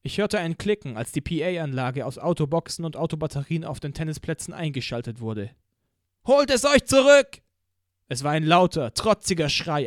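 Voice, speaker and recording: A man's voice: fairly high pitch, no room sound, studio quality. A man reading a first-person audiobook with vivid, dramatic narration.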